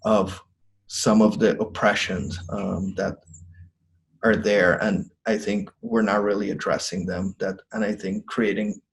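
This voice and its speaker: Earnest young man, lower voice. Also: flat delivery, unhurried, vocal fry, low-quality recording. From Guyana. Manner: earnest, reflective, many ums and restarts. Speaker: seminary student. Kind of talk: testimonial interview. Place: small room indoors.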